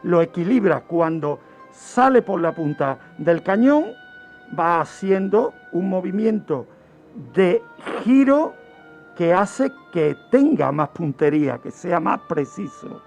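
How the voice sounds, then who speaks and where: Soft music plays beneath a high-pitched, expressive male voice that takes its time, creaky yet a little mellow. He's a guest criminologist presenting a true-crime segment on radio, teaching through questions he poses and answers.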